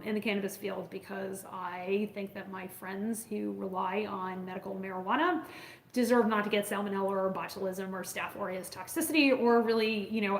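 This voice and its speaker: A woman in her forties speaks in a casual monologue to her viewers, explaining the food business she consults for. She talks enthusiastically and rambles, with plenty of fillers and restarts. Her voice is mid-pitched and carries a roomy echo. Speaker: food safety consultant and coach. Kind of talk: casual talking-to-camera monologue.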